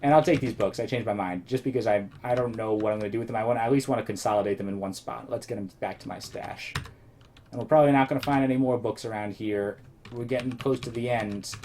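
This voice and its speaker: A man's voice: mid-range voice, fast talker, a little mellow, slight background noise. A man casually commenting on his own gameplay as host, thinking aloud and rambling, his voice a little worn. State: slightly losing his voice. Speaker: let's play host.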